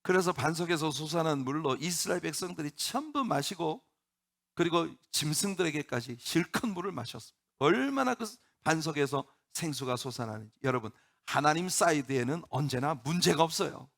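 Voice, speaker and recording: A man's voice: on the high side, lively intonation, brisk, creaky, a bit bright. A man preaching a sermon in church, emphatic and building up with rhetorical questions to the congregation. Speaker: pastor.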